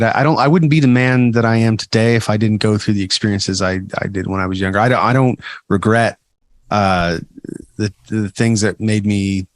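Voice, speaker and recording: A man's voice: on the low side, no echo. A man co-hosting a podcast, talking casually in a rambling, teasing way with many restarts. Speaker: podcast co-host.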